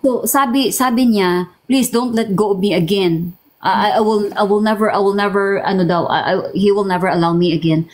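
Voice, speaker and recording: Halting Filipina woman telling her story. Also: medium pitch, steady tone, darkish tone, rough recording. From Philippines. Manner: halting, repeats and restarts words, mixes Tagalog and English. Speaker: interview guest. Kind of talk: emotional personal testimony.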